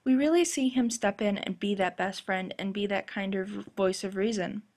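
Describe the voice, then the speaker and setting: Slightly gravelly sore-throat woman podcaster. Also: mid-range voice, moderate pace, a little mellow. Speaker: podcast host. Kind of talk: scripted-sounding TV fan commentary podcast.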